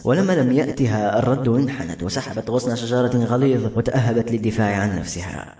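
A man reading a novel aloud as an audiobook narrator, steady and brisk. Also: medium pitch. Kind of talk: scripted narration. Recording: echoey room, faint music. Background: faint music.

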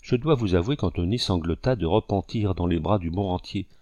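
Male storybook reader: low, warm, mellow tone, calm and measured narration. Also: dry recording. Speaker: audiobook reader. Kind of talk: scripted narration.

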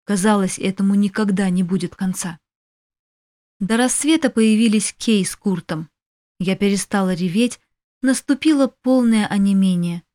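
In this audiobook, a woman reads a first-person novel aloud with expressive, emotional storytelling. Her mid-pitched voice has a warm tone and moves at a moderate pace.

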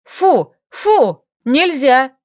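A woman reading an audiobook voices a frantic young woman, shrill and panicked. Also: slow pace, dry recording, clean studio sound. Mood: scolding, shaky. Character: panicky young woman facing monster flowers.

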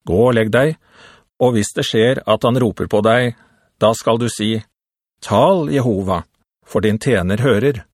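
A man reading the lines of an old, half-blind priest who speaks gently and earnestly. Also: lowish voice, dry recording, clean studio sound, natural voice.

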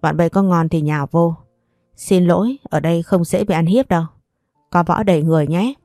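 A tough, cheerful aunt who speaks in a bold, challenging way as a woman narrator puts her on. Her voice sits low and mellow, and faint music plays behind it. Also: normal speed, dry recording, studio quality, natural voice. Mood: defiant.

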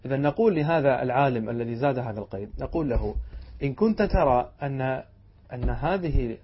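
A man teaching a classical Arabic rhetoric lesson, explaining a text step by step, checking that his students follow and reciting quoted verse slowly. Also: medium pitch, expressive, slightly rough. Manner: explains step by step, checks understanding with "تمام؟" and "نعم". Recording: dull lo-fi lesson recording.

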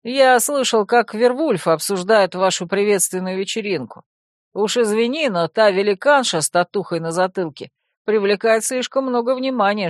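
A woman's voice: medium pitch, dry recording, studio quality, lightly acted. Woman voicing a cocky young fox-shifter guy. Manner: smug, teasing. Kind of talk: audiobook character voice.

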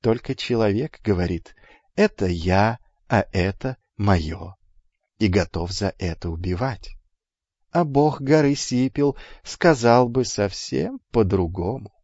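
Sly quiet trickster god done by a man reading, slow and lively, muffled dry audio. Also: fairly low pitch, no room sound, full character voice. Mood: quiet, wise.

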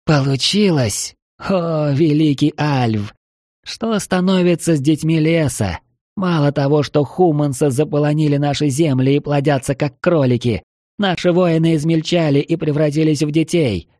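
A man's voice: fairly high pitch, normal speed, darkish tone, no room sound, studio quality, voice pushed up, lightly acted. A man putting on a scornful elf matriarch. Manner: hissing, scornful. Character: fierce proud elderly elf woman prisoner.

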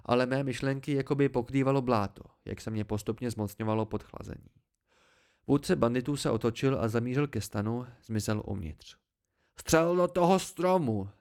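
A man narrating an amateur audiobook, raising his voice for the shouted dialogue. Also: mid-range voice, fairly even intonation, vocal fry. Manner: reads with rising intensity, shouting out the dialogue. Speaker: audiobook reader.

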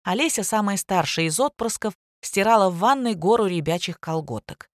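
A woman narrating an audiobook in a steady, expressive reading. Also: mid-range voice, normal speed, no room sound, clean studio sound. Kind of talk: scripted narration.

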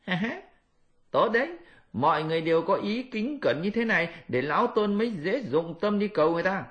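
A man voicing a boastful, mischievous male monkey king with a shrill, bossy, teasing manner in an audiobook. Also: big pitch swings, fairly quick, a bit bright. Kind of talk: audiobook character voice.

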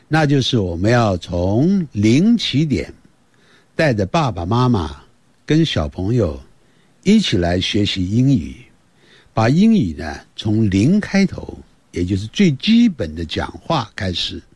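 A man giving a slow English lesson for parents and children, teacherly and lively, repeating words slowly to demonstrate them. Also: medium pitch, breathy edge, no room sound.

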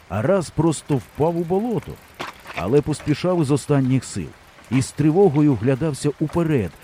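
A male audiobook narrator with a dark, mellow voice. He reads with lively, animated intonation that rises and falls with the story. A faint noise sits under the recording. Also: mid-range voice. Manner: expressive storytelling reading. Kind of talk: scripted narration.

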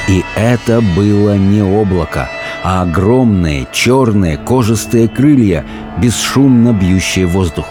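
Low, mellow male audiobook narrator. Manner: steady storytelling that slows and drops low at grim moments. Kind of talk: scripted narration of a fantasy novel.

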